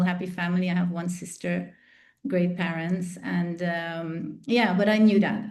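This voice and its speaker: A middle-aged woman with a fairly low voice. She tells her life story as a podcast guest, thinking aloud with fillers and restarts. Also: darkish tone. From Netherlands. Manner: thoughtful, with many fillers and restarts. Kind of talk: interview storytelling.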